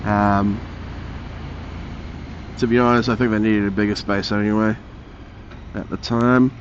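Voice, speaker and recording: A man's voice: lowish voice, flat delivery, unhurried. Muffled man motovlogging inside a helmet. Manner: rambling, muttering to himself, casual swearing. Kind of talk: casual vlog chat while riding a motorbike. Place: inside a motorcycle helmet, riding outdoors on roads. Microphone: helmet-mounted mic close to the mouth. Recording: muffled helmet mic, faint vehicle noise.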